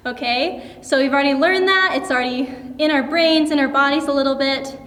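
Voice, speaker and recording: A young woman with a high, bright voice leads a children's dance class, explaining steps in an encouraging, upbeat way. Her voice rings with a long reverb, as if she is in a big, echoey room. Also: steady tone, a little fast. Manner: upbeat, encouraging, counts and demonstrates moves. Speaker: dance teacher. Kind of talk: kids' dance lesson.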